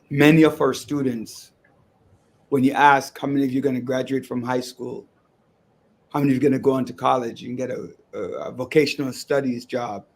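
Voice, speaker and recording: Retired male co-host in his sixties, casual on-air talk, measured delivery with a teasing edge. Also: medium pitch. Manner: measured, teasing, switches into Spanish. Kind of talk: casual radio talk show chat.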